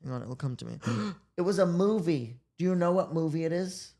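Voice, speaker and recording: A woman hosting a podcast, chatting casually as an animated, playful storyteller. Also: fairly low pitch, brisk. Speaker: podcast host. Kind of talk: casual chat.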